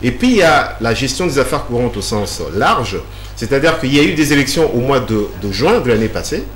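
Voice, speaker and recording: A guest with a medium-pitched, sing-song, fairly bright voice talks briskly in response to interview questions. His long, patient explanations are hesitant, with plenty of fillers, restarts and repeated words, in an echoey room with a faint hum.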